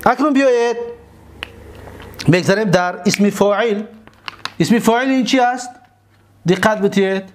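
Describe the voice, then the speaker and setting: A man with a Tajik accent teaching grammar, drawing out and repeating each word form slowly for his students. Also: high-pitched, slight background noise. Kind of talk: grammar lecture.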